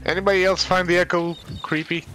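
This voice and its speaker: A man's voice: high voice, level tone, quick pace, pushed and bright, slight background noise. A man giving casual gameplay commentary, joking and playfully bossing his partner around. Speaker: gamer guiding a co-op partner.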